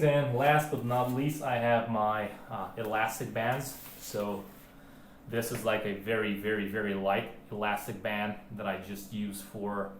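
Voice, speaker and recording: Guy rambling slow through his home workout vlog, uh-filled, echoey room. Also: on the low side. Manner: rambling, many fillers and restarts. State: out of breath. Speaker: arm wrestling vlogger. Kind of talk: casual filmed chat. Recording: roomy home recording, faint background hiss.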